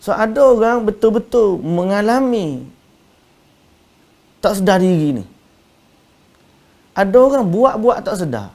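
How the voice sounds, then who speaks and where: A man's voice: high voice, lively intonation, measured pace, pauses often, a little mellow. A man with a Malaysian Malay accent giving a religious lecture as a teacher, explaining with rhetorical questions to his listeners.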